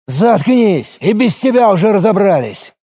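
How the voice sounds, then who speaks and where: A man voicing a rough, domineering gang leader who barks orders in an audiobook. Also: high voice, very animated, a little slow, dark tone, pitched above the performer's own voice. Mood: snapping. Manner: barking, crude, domineering. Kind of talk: audiobook character voice.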